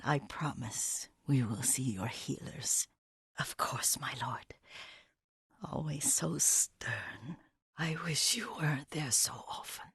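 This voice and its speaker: An older Japanese woman, frail and devoted, voices a caretaker and herbalist in a heavily acted video game drama. Her slightly low voice is husky and breathy, gentle and wistful, with a slow, halting delivery. The studio sound is clean with no echo.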